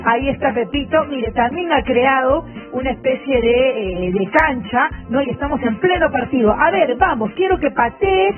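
A woman's voice: high voice, expressive, normal speed. A middle-aged woman doing an informal live report and interviewing as a field reporter. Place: room in a home, indoors. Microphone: handheld microphone. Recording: tinny phone-like live feed, music behind.

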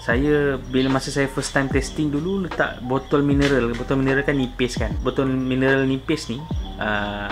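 A young man with a Malaysian accent giving casual how-to tips as a rabbit farmer, chatting in a covered outdoor shed and slipping English phrases into his talk. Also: mid-range voice.

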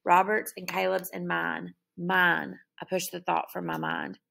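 Gravelly low-voiced woman reading aloud. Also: little pitch movement, measured pace, fairly bright tone. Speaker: audiobook narrator. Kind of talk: first-person novel reading.

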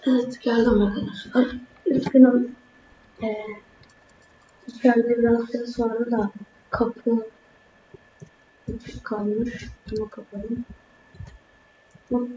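A woman's voice: a little high, level tone, slow pace, pauses often, reverberant, dull audio, background noise. A woman giving let's-play commentary to her viewers, keeping her voice down, now and then crying out when startled. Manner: talks to viewers, easily startled, exclaims when scared; keeps voice down, speaks softly. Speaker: gaming YouTuber. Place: indoor room at home.

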